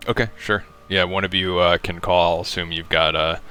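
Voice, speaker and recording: A deep-voiced man runs a tabletop game as game master in a laid-back, filler-heavy way. His tone is bright and crisp, with soft piano music in the background. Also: level tone, fairly quick. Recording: faint piano music behind.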